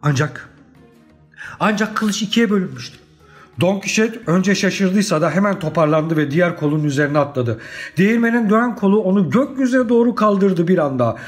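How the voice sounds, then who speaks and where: A man narrating a children's storybook audiobook in an expressive, dramatic storytelling manner. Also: high-pitched, a little fast, faint music behind.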